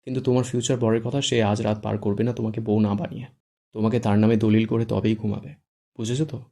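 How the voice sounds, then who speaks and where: A man's voice: on the low side, flat delivery, quick pace, warm tone, lightly acted. A man voicing the groom's joking, easygoing young friend. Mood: teasing.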